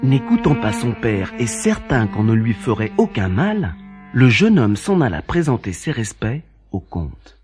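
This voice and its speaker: A man's voice: medium pitch, sing-song, unhurried, loud music behind the voice. A man narrating a scripted storybook tale in French as the narrator.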